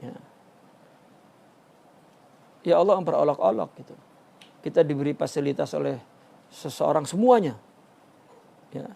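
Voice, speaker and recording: A man teaching a religious text study, speaking haltingly with many restarts and a filler "ya" between phrases. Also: fairly high pitch, vocal fry, warm tone. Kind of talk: Sufi text study lecture.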